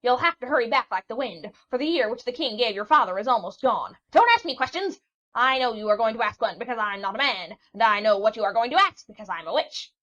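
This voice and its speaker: Reading a storybook, a woman voices a cranky ancient sea witch who shrieks, scolds and rambles in a shrill, screeching, fairly bright voice. Her intonation is lively, her pace quick, her mood shrill scolding. The recording is dull and lo-fi.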